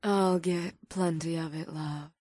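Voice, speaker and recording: A man's voice: fairly even intonation, a little slow, husky, dry recording, clean studio sound. A man doing a purring, sultry succubus. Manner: soft, low, purring delivery. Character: sultry female succubus club owner, calm and flirtatious.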